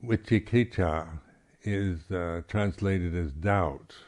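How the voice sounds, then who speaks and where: Here a Buddhist monk teacher, a man, talks reflectively and unscripted at a meditation retreat. He halts often and keeps clearing his throat, and his low-pitched voice has a slightly mellow quality.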